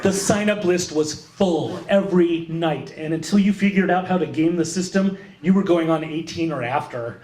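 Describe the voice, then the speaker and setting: A man's voice: on the high side, normal speed, hardly any pauses, a little mellow, roomy sound. A middle-aged man, a poet hosting a memorial reading, telling a wry, profane personal story to a live audience. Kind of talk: performed personal essay at a poetry reading. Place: small gallery room with a live audience.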